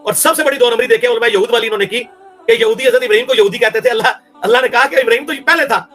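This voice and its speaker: A man's voice: extremely high pitch, a bit bright, faint music behind. A man with a Pakistani Urdu accent giving an angry, scornful religious rebuttal, insulting and heated. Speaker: religious speaker.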